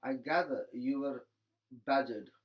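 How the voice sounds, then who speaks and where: A man with a mid-pitched voice recites rhyming comic verse in a dry, teasing manner. The recording sounds dull and lo-fi. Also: measured pace.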